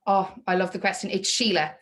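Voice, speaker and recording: A woman guest speaker talks through leadership and inclusion at an online meetup. Her delivery is chatty and self-deprecating, full of quick restarts, at an ordinary middle pitch. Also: steady tone, a bit bright. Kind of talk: presenting and answering questions in an online meetup.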